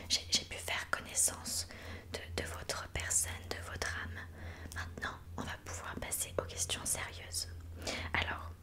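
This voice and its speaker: This woman performs a mystical fortune teller for a whispered ASMR piece, lightly acted. She speaks at a slow, calming pace and calls the listener darling.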